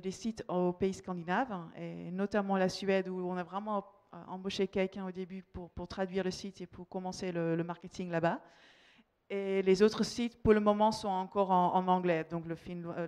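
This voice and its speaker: A Dutch woman with a Dutch accent, speaking as a company representative, gives a conference presentation hesitantly and often repeats words mid-phrase. Her voice is on the low side and a little mellow, with a clean tone.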